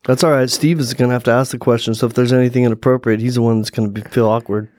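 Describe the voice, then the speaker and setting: A man's voice: medium pitch, steady tone, rapid-fire, a little mellow, dry recording. A man co-hosting a casual podcast, chatty and jokey while talking real estate. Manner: jokey, chatty, laughs easily.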